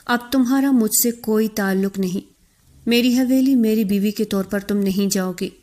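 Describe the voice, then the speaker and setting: A woman's voice: warm tone, lightly acted. A woman voicing a proud, angry young man who speaks with cold contempt in a storybook reading. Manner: cold, contemptuous, growling low.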